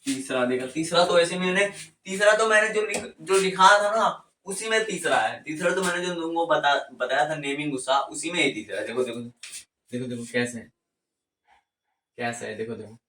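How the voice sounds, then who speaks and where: A man's voice: a little high, normal speed, sharp tone, a little hiss or hum. A male chemistry teacher teaching mnemonics at a board, repeating phrases again and again and coaxing students to follow. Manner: repetitive, coaxing, drills phrases over and over. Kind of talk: classroom lesson with mnemonics at a board. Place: classroom with a board. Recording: echoey room, voice from a distance.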